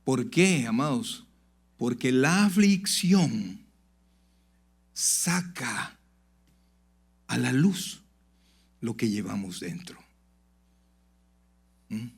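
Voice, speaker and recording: A man preaching a sermon to his congregation, swinging from loud emphatic peaks to low confiding asides and calling out "brother" to the listeners. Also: lively intonation, extremely slow, gravelly, pauses often, husky. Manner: addresses the congregation directly, "brother". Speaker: pastor. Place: church sanctuary.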